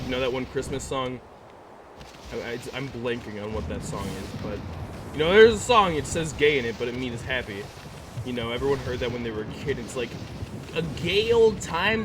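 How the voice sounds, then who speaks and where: A man's voice: mid-range voice, noisy background. A man streaming a video game, rambling casually and answering his chat, with game music behind him. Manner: rambling, chatty, talks back to chat. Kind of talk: casual let's-play chat.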